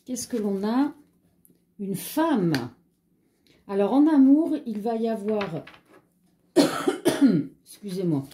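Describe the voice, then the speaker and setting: A woman's voice: mid-range voice, big pitch swings, slow, pauses often, dark tone, a little hiss or hum. A French-accented woman giving a casual tarot reading, hesitant with many fillers and chatty asides, a slight frog in her throat. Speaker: tarot card reader.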